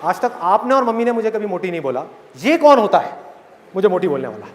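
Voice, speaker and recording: A man's voice: high-pitched, big pitch swings, fairly quick, noisy background. A man voicing a young newly married daughter, huffy and complaining on the phone to her father, recorded in an echoey hall. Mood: indignant.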